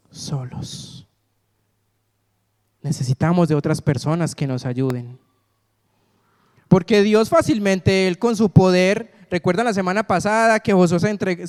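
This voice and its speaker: High, resonant preacher man. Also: a little mellow, clear, resonant tone. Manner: call-and-response, asks congregation to fill in words. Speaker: pastor. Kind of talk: sermon. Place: church sanctuary. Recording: long reverb of a church hall.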